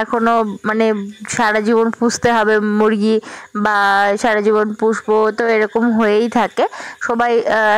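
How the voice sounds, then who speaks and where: Woman, West Bengal Bengali accent, fairly high voice, smooth and clear, hesitant reflective narration. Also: no echo, poor audio. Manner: hesitant, with frequent pauses and fillers. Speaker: village vlogger.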